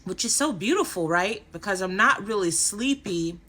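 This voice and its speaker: A woman doing a spiritual card reading for her viewers, affirming and animated, often checking in with "okay?" and yawning now and then. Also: mid-range voice, normal speed. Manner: animated, affirming, frequent "okay?" tag questions. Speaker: tarot and oracle card reader.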